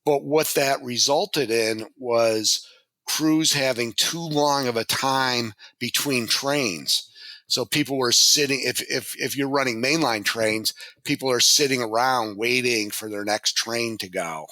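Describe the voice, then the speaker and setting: Bright-voiced man musing on his layout. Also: medium pitch, unhurried, dry recording. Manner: thoughtful, searching for words with many restarts. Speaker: guest, model railroad layout owner. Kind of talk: casual podcast conversation.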